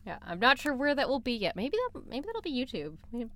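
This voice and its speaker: A woman's voice: fairly high pitch, very animated, a little fast, fairly bright tone. Woman chatting on a podcast. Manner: chatty, frequent restarts and laughs. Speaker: podcast co-host. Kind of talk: casual podcast chat. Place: library recording room. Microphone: studio microphone.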